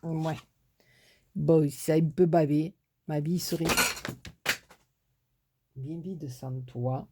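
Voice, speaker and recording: A woman from southern France, with a southern French accent, hosts a casual crafting tutorial, chatting and teasing herself as she works. Her voice is deep and dark, extremely slow with long pauses, and there is slight background noise.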